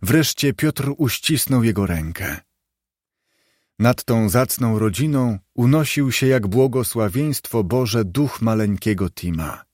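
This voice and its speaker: Calm male audiobook narrator. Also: medium pitch, slow, no echo, studio quality. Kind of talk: scripted narration.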